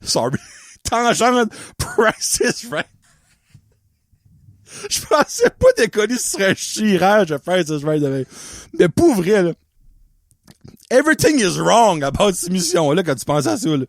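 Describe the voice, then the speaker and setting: A man's voice: high-pitched, sing-song, a little slow, long pauses, dry recording, studio quality. A man with an Acadian French accent hosting a podcast in casual chat, rambling, swearing freely and wandering off on tangents. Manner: rambling, profane, goes off on tangents. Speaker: podcast host.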